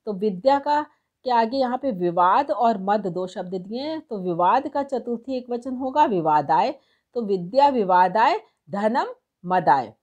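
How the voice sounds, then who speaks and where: A woman teaching as a tutor, explaining textbook exercises step by step and slowing down to read verses aloud. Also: a little high, animated, darkish tone, muffled recording. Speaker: Sanskrit tutor.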